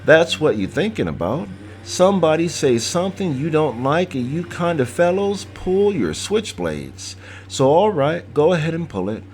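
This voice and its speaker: A man's voice: fairly high pitch, very animated, moderate pace, a little mellow, slight background noise. A man doing a defiant old man itching for a fight. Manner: gruff vernacular speech, challenging.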